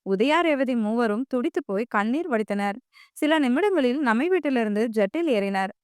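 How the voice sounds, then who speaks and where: Give me a woman narrating an audio novel with a smooth, slightly high voice. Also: animated, normal speed, a little mellow, no echo, clean studio sound.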